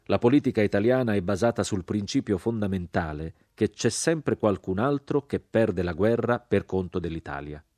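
A man's voice: fairly low pitch, animated, normal speed, few pauses, a little mellow, dry recording, studio quality. A man reading the lines of a proud, old-school diplomat baron, emphatic and pointed.

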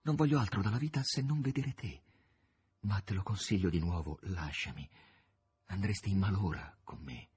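A man voicing a weary, troubled novelist, quiet and subdued. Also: low voice, normal speed, husky. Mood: resigned.

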